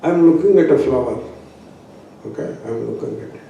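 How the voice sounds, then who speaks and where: A man's voice: mid-range voice, animated, brisk, vocal fry, warm tone, slight background noise. A man with an Indian accent, a spiritual teacher giving a philosophy class in an emphatic, didactic way, repeating phrases and asking rhetorical questions. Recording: very echoey room, distant mic.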